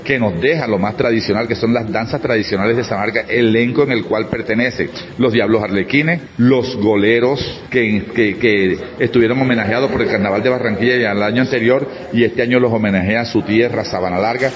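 A man from Colombia with a Caribbean coastal accent gives an interview in a slightly low voice. His speech is informal, and the recording is muffled and lo-fi. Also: fairly quick, a crowd in the background. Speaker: carnival festival founder, interviewee.

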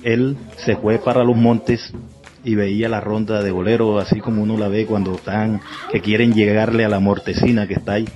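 A man's voice: fairly low pitch, little pitch movement, moderate pace, dull audio. A man with a Colombian Caribbean accent, telling things informally as an interviewee. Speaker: folk dance group heir, interviewee.

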